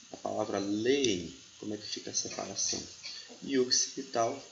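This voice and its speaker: Explaining grammar one step at a time, this male teacher keeps asking "tá bom?" to make sure the listener is with him. He has a gravelly, mid-range voice with a fairly bright tone. The recording, made in an echoey room, is slightly dull and has slight background noise.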